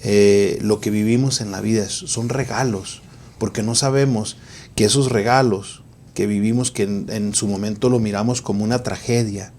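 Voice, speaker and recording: Reflective low-voiced male podcast host. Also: steady tone, moderate pace, darkish tone, a little hiss or hum. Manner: reflective, preacher-like encouragement. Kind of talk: interview with inspirational reflections.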